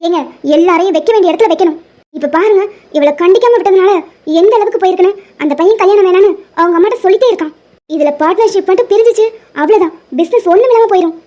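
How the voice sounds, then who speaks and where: This is a bossy, suspicious cartoon mother, voiced by a woman who scolds everyone in a sharp tone. The voice sits very high, and the words come out fast. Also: highs cut off. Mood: scolding. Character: strict, scolding middle-aged rich mother. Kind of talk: Tamil cartoon dub.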